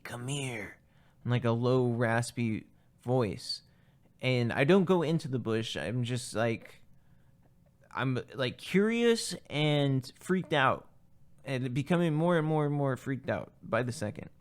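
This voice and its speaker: A young man telling a personal story in casual spoken style, rambling with many fillers and restarts. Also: mid-range voice. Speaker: guest telling a personal encounter.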